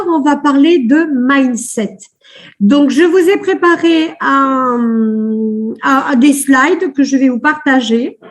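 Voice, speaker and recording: A woman with a high voice running a live online coaching session over a video call. She sounds upbeat and chatty, keeps repeating little words of praise, and fills her pauses with casual hesitations. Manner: chatty with many fillers. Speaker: life coach.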